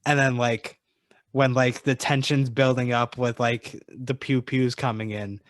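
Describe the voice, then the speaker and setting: A man's voice: medium pitch, flat delivery, a little slow, dry recording, clean studio sound. A man co-hosting a podcast in casual chat, hesitant, with many fillers. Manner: hesitant, lots of likes and ums. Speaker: podcast co-host.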